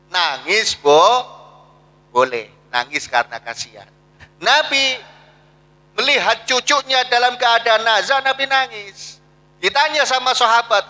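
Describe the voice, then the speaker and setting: A man's voice: high-pitched, bright, forceful tone. A man from Indonesia, preaching a religious study sermon, telling stories and reciting Arabic phrases. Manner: storytelling, acts out dialogue, Arabic recitation. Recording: long hall reverb.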